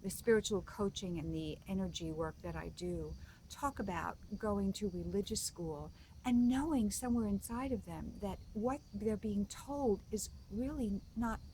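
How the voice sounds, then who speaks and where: A woman spiritual coach giving a reflective talk, gently repeating key phrases for emphasis. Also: medium pitch, moderate pace, a little hiss or hum.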